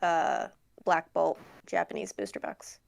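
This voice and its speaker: A woman's voice: low-pitched, sing-song, unhurried, creaky, a little hiss or hum. A woman co-hosting a podcast in casual chat, chipping in with short remarks.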